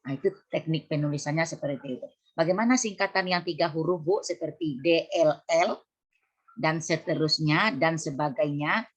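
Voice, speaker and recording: A woman's voice: low voice, moderate pace. A woman lecturer teaching a class, correcting students and spelling out letters one by one while repeating the key rules. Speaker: university lecturer.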